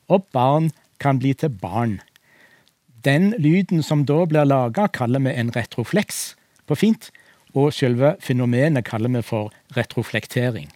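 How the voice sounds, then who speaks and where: A man's voice: medium pitch, darkish tone, no room sound, studio quality. A man, a language expert on a radio talk show, explaining pronunciation methodically with worked examples. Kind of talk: radio discussion.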